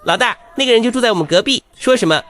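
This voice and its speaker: A woman's voice: a little high, expressive, rapid-fire, a bit bright. A woman voicing a small, loyal talking mouse who reports in an eager, breathless way.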